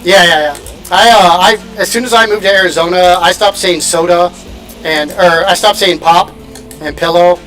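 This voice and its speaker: A man from Indiana chatting quickly and casually while sim racing on stream, laughing often. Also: sits high, steady tone, fairly bright tone, poor audio. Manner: fast-talking, laughs often. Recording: music playing in background.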